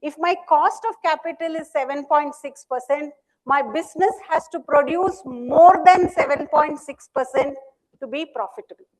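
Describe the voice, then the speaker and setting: A woman with a notably high voice explains material as a workshop speaker. She is teacherly, laying points out step by step and checking that listeners follow. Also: normal speed, poor audio. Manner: teacherly, asks and answers own questions, checks understanding. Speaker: workshop speaker on startup finance. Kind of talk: explanatory lecture.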